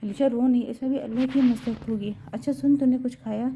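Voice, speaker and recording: A woman voicing an outspoken young woman friend with a brisk, protective, bossy manner. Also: a little high, steady tone, warm tone, a little hiss or hum, natural voice.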